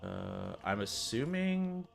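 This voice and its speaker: A man streams a game with a very lively, swinging pitch. He chats casually, tossing in playful, self-mocking and salty asides as he reads along. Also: slow pace, creaky, faint music behind. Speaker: streamer reading game dialogue aloud. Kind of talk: casual game commentary with read-aloud dialogue.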